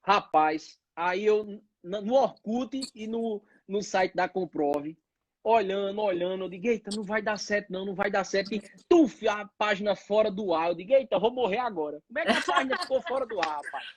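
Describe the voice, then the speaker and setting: This interview guest, a pediatrician from Northeast Brazil, speaks briskly in a high voice while telling his own story and performing the voices of its characters. No room sound comes through.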